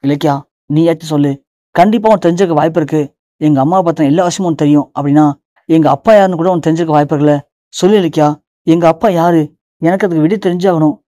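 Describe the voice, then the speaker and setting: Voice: medium pitch, fast, dark tone, no echo, close to an everyday voice. A narrator voicing a desperate young man pleading to learn who his father is. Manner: pleading, insistent.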